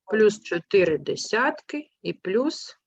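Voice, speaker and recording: A woman teaching a primary school class, patient and clear, asking questions and gently correcting her pupils. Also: very animated, takes it slowly. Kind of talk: online class lesson. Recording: muffled low-fidelity sound.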